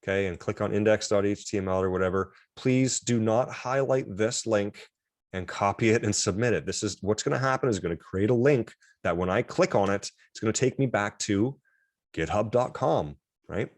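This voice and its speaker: A man's voice: on the low side, normal speed, no room sound, clean studio sound. A man teaching an online class, talking casually and self-deprecatingly with frequent restarts over a video call. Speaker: instructor.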